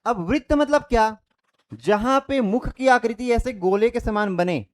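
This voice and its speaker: A young man gives an online Hindi grammar lesson in an extremely high voice, moving a little slowly. He works through the material step by step, checking in repeatedly and sounding out vowels aloud.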